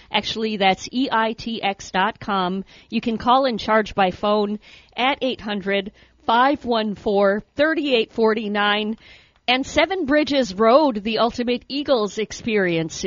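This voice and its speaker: A woman's voice: mid-range voice, dry recording. Female radio co-host, casual and chatty listings read, dry muffled studio sound. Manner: chatty, reading event listings.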